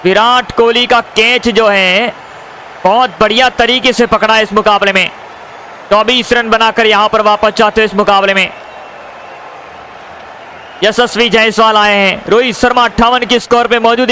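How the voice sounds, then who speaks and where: A man giving excited live cricket commentary, addressing viewers as friends and repeating stock phrases. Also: extremely high pitch. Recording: crowd and noise behind the voice.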